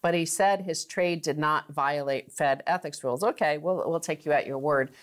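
A woman co-hosting a finance talk show, chatting and laughing lightly as she talks in a studio. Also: normal speed. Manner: chatty, laughs through lines, rising pitch for emphasis. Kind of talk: conversational studio commentary.

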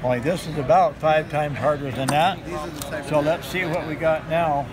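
A middle-aged man with a somewhat high voice gives a hands-on sales demo at a busy indoor gun show. He talks in steady, instructive patter and repeats the same simple tips. A crowd murmurs loudly behind him, recorded from a camera close by. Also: moderate pace. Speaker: knife sharpening demonstrator. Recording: noisy crowded show floor. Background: crowd chatter.

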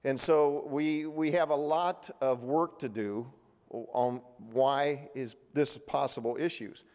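A man's voice: mid-range voice, steady tone, slow, a little mellow. Middle-aged man moderating in a reverberant hall. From Ohio. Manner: plain-spoken, many fillers and restarts. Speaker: panel moderator. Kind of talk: public panel remarks. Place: large hotel ballroom meeting. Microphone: podium microphone. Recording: long reverb of a big hall.

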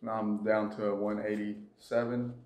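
A man's voice: on the low side, little pitch movement, unhurried, a little mellow. A young man co-hosting a vlog, joking in a laid-back way while he eats. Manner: laid-back, joking, talks with mouth full. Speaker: vlog co-host. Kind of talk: casual chat while eating. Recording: echoey room.

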